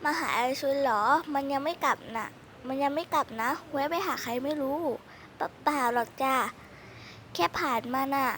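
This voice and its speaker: A woman voicing a kind, polite mother of a schoolboy in a one-person voice drama, talking softly and sweetly. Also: high voice, normal speed, slight background noise. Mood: gentle.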